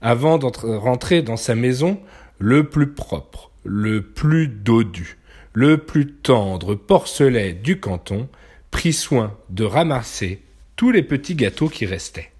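A man reading a children's picture book aloud, his pitch rising and falling in a lively, animated way. He reads slowly and expressively, as if to young listeners. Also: husky. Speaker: storyteller.

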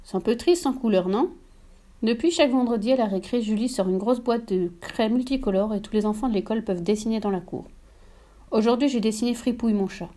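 A woman narrating a children's story in a gentle, steady manner. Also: on the high side, fast talker. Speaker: reader.

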